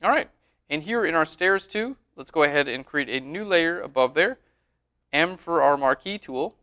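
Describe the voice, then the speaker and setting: A man giving a relaxed, chatty screen-recorded tutorial on photo editing, often saying "all right". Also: on the high side, moderate pace, clean tone.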